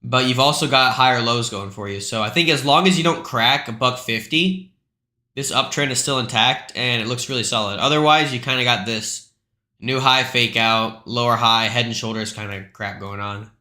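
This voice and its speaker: A man's voice: mid-range voice, moderate pace, pushed and bright, echoey room. A man hosting a live stream, talking through price charts in a loose, chatty way with lots of asides. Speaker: crypto live stream host.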